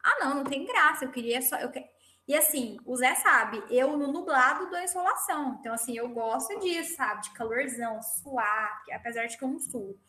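Bright-voiced woman in an echoey room. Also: high voice, fairly quick. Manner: animated, dramatic storytelling. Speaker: teacher. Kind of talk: casual chat.

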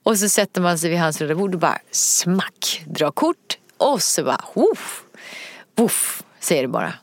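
A woman's voice: fairly low pitch, animated, no echo. A woman chatting casually as a podcast co-host, telling stories animatedly, acting out quoted voices and laughing often. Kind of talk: casual chat.

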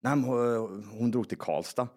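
A young man telling a long story in casual podcast chat, animated and full of swearing, acting out the people he quotes. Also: medium pitch.

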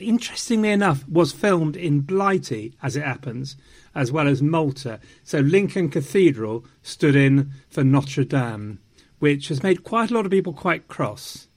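Man, wry and theatrical, slightly high voice. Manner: theatrical, wry, slips into mock French. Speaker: podcast host. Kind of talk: casual chat.

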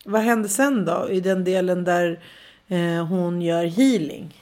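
A woman's voice: lowish voice, a little mellow. A woman hosting a podcast in casual chat, supportive, with frequent murmured agreement. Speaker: podcast host.

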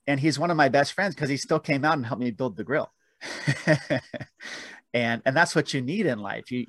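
A man's voice: medium pitch, fairly bright tone, no room sound. Self-deprecating man telling rambling stories. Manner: rambling, self-deprecating, frequent restarts and laughs. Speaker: author guest. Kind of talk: casual interview storytelling.

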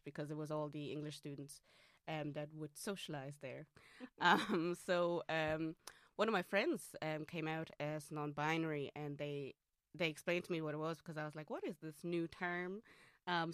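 This casual interview features an Austrian non-binary guest in their late twenties whose first language is German, heard with an Austrian German accent in a feminine, low-pitched, smooth voice. Their reflective answers are full of fillers and restarts, in a dry, clean studio recording.

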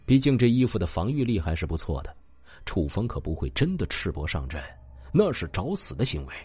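A man narrating a novel, his voice low and husky. He tells it expressively, with a very wide, lively pitch range, over faint music. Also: a little fast, dry recording. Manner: expressive storytelling. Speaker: audiobook narrator. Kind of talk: scripted narration of a web novel.

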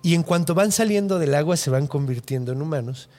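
A man with a Mexican accent hosting a podcast, retelling a story in a loose, animated, slang-heavy casual chat. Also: a little high, fairly quick. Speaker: podcast host.

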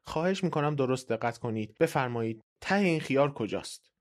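A man's voice: mid-range voice, lively intonation, natural voice. A man voicing a stubborn 75-year-old professor who speaks earnestly and insists he is right. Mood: insistent.

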